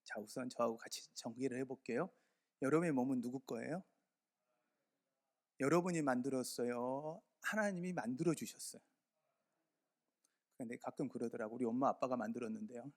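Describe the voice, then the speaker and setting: A man's voice: medium pitch, moderate pace, long pauses. A man preaching a sermon as pastor in a church sanctuary, telling a story conversationally and putting questions to his congregation.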